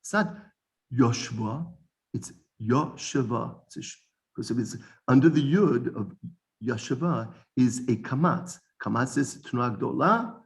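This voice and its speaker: A man teaching an informal Bible study lesson, animated, often repeating words and restarting sentences. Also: mid-range voice, moderate pace.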